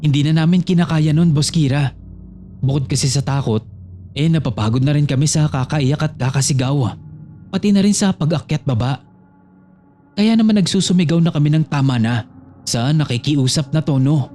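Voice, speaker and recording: A man's voice: fairly high pitch, moderate pace, warm tone, a little hiss or hum. A man narrating a true horror story submitted by a listener, reading it in the first person as a scripted storytelling piece. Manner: storytelling, reads a listener's letter addressed to the host.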